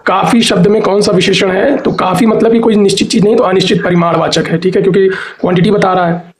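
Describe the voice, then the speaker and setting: A Hindi teacher, a man with a high-pitched voice, leads an exam preparation lesson at a fast clip and in a steady tone. He reads out lists of words and definitions, repeats every answer, and goes through the spelling of tricky words.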